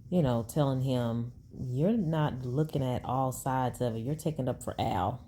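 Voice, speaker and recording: Woman, gossip reaction commentary, skeptical and sassy, deep warm voice. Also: measured pace, a little hiss or hum. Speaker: commentary channel host.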